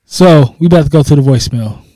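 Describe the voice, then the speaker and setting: Mellow-voiced man hosting a podcast. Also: fairly high pitch, quick pace, no room sound. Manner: tongue-tied, laughing at himself. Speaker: podcast host. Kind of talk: casual podcast chat.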